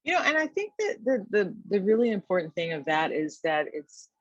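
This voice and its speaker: A thoughtful woman talks as a podcast guest, often checking in with a quick tag question. Her voice sits in the middle range. The sound is dull and lo-fi, with a dry, close feel. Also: medium pitch, very animated, no room sound. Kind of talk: podcast conversation.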